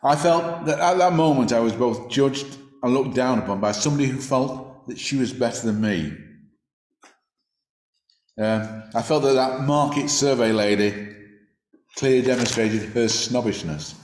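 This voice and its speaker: This is a man, preaching a sermon. He talks in a reflective, conversational manner, sometimes restarting a phrase, at an ordinary middle pitch. His voice carries a roomy echo. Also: unhurried, darkish tone.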